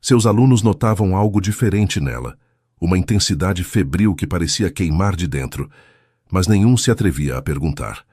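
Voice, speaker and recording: A man's voice: low voice, lively intonation, moderate pace, darkish tone, husky, dry recording, clean studio sound. A man giving a solemn, scripted narration of a romance story.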